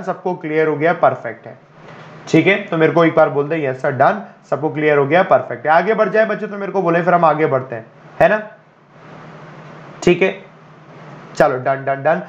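A man teaching English for bank exams in a live online class, speaking slowly and gently because of a headache, and coaxing students to answer. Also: on the high side, dull audio. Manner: explains in Hindi mixed with English, coaxing students to reply. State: has a headache.

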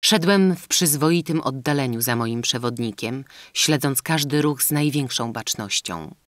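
A man's voice: medium pitch, fairly bright tone, no room sound, clean studio sound. Man reading a classic novel aloud. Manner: measured literary reading. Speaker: audiobook narrator. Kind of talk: scripted narration.

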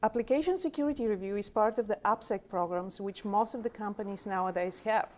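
A Bulgarian woman in her forties gives a conference presentation at a podium mic in a small room, speaking earnestly in a Bulgarian accent and gesturing with both hands. Her mid-range voice is a little mellow and a little fast.

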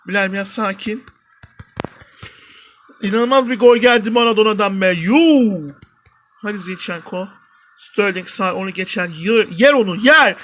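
Young guy yelling over his football game, high voice, stretches names out, mutters when it goes wrong. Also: measured pace, long pauses. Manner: shouts and stretches player names when attacks build, mutters when things go wrong. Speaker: gaming YouTuber. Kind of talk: excited mobile football gameplay commentary. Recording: faint game music behind.

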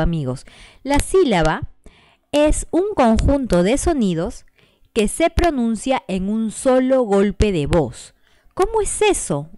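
Brief: woman teacher for kids, lively up-and-down pitch, unhurried, dry close sound. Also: dry recording. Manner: animated, clapping out syllables, asks the viewers questions. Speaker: teacher, channel host. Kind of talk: children's lesson explanation.

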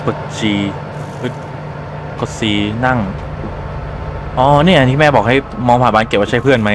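A gaming YouTuber with a Thai accent casually commentates a horror game, his medium-pitched voice at normal speed over background noise. He has a slight cold and a phlegmy throat. Chatty, he swears casually and reads the game's dialogue aloud in his own voice.

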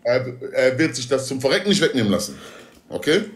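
A man's voice: mid-range voice, sing-song, fast. A man chatting casually on a group livestream, giving emphatic fight advice in street slang sprinkled with Arabic oaths.

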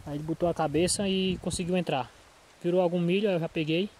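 Out in an open cornfield, a Northeastern Brazilian small farmer chats for his farm vlog in a folksy, repetitive way, peppering his talk with check-in tags. A cold leaves his high, slightly mellow voice a little hoarse, and he talks quickly with fairly even intonation. It's a noisy handheld outdoor recording.

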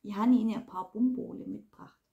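A woman's voice: mid-range voice, brisk, mellow, muffled recording, close to an everyday voice. A woman voicing a sheepish but stubborn elderly lady with a Swabian accent and a mumbling, dialect-heavy way of speaking.

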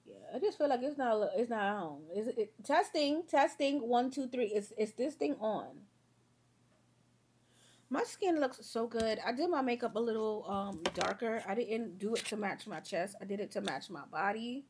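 Against a noisy background, a young woman speaks at a normal speed in a slightly high voice. She's a beauty vlogger doing her makeup at home for a casual get-ready-with-me, sniffly from a sore throat, rambling warmly and addressing viewers as "y'all" and "girl."

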